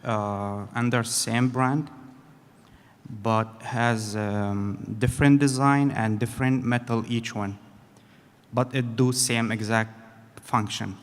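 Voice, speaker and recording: A man from Syria asks a panel a question, his non-native phrasing halting as he searches for words. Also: fairly low pitch. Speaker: audience member asking a question. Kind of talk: conference Q&A question. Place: large conference hall. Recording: reverberant conference hall.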